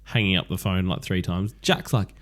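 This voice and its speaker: A man's voice: low-pitched, steady tone, normal speed, a bit bright. A man co-hosting a podcast, retelling a TV plot bluntly with swearing and acted-out quotes. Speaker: podcast co-host. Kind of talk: casual chat recapping a TV show.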